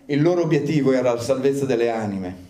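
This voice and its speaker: A man preaching a sermon as pastor, rising now and then into loud, high bursts of fervor. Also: expressive, quick pace. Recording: echoey room, faint ambience.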